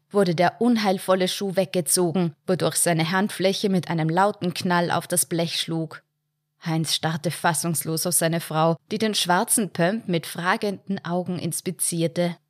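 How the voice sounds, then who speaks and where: A woman's voice: on the low side, steady tone, dry recording, studio quality. Woman narrating a short story. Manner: measured, storytelling. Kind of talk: audiobook short story reading.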